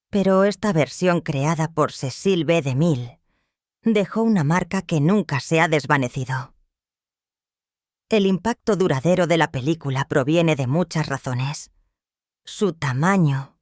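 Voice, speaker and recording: A documentary narrator reads a scripted narration at a measured, even pace. The pitch sits in a middle register and the voice is recorded close and dry, with no room sound. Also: no echo.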